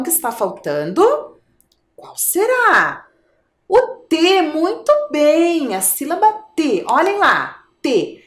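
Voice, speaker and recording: A woman with a Brazilian Portuguese accent, a primary school teacher, gives a video lesson to young children, gently coaxing them in a sing-song voice and stretching out her words. Her voice is high and the sound is roomy.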